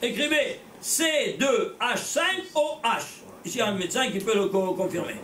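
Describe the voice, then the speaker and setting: A man teaching a religious class, animated and blunt, firing rhetorical questions at his students and repeating words as he goes. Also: extremely high pitch, moderate pace, a little hiss or hum. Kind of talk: lively religious lecture to a small class. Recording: echoey room, voice from far off.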